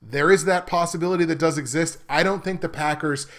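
A young man giving brisk, confident solo sports analysis as a mock draft host, with bursts of excitement. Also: a little high.

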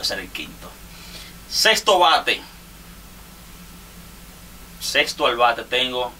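A man's voice: fairly low pitch, pushed and bright, slight background noise. A man with a Dominican Spanish accent jokingly roasting fellow artists in a rambling, laughing monologue. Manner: teasing, rambling, laughs often. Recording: distant mic with faint ambience.

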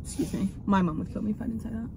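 A young Australian woman in a loose, unscripted chat, words tumbling out with restarts and casual swearing. Her voice sits at an ordinary middle pitch for a woman. A faint hiss of background noise sits under the recording. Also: rapid-fire, vocal fry, darkish tone. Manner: chatty, swears freely, rambles with restarts. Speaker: YouTuber host. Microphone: headset.

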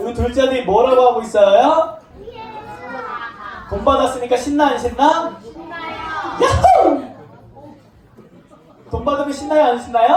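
Animated woman teaching a children's Bible lesson. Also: a little high. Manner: animated, asks children questions, acts out lines playfully. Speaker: children's Sunday school teacher. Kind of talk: children's sermon. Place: church classroom. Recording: distant mic in an echoey room.

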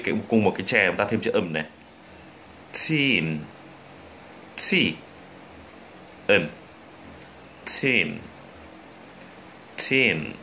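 Deep-voiced Vietnamese male English teacher. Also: a bit bright, a little hiss or hum. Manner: demonstrates sounds slowly and repeats drill words. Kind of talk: teaching a pronunciation lesson.

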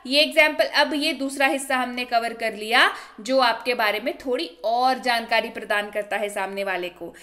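A young woman, her voice high and bright, teaching spoken English over lesson slides. She asks questions and answers them herself, and she repeats each example slowly. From India. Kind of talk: online video lesson.

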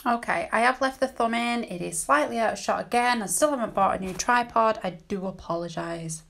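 A British nail technician narrates a casual, chatty voice-over tutorial in a fairly high, fairly bright voice with vocal fry. She talks briskly, candidly and ramblingly, often cutting herself off, while dogs bark now and then in the background.

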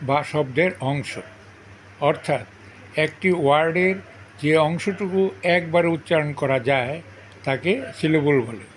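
A man teaching a grammar lesson, repeating each definition slowly and spelling words out syllable by syllable, with faint noise behind him. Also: a little high, rough recording. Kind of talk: slow dictation-style grammar lesson.

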